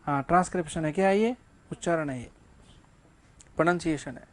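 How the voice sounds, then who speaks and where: A man's voice: fairly high pitch, fairly quick. A male English teacher giving a classroom grammar lecture, asking rhetorical questions and answering them himself, with casual joking asides.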